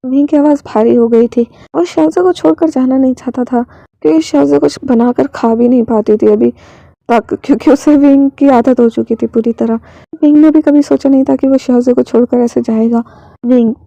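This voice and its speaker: A woman reading a fan fiction story aloud in a plain, unhurried way. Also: sits high, fairly even intonation, creaky, warm tone, dry recording, muffled recording.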